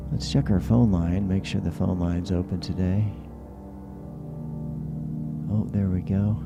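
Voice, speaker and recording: Male late-night stream host, gravelly, loose and conversational, whistling s, music underneath. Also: low voice, steady tone, unhurried. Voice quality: whistling s sounds. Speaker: host of a live-streamed call-in show. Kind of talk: casual late-night monologue. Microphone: close handheld or stand microphone. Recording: music behind the voice. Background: background music.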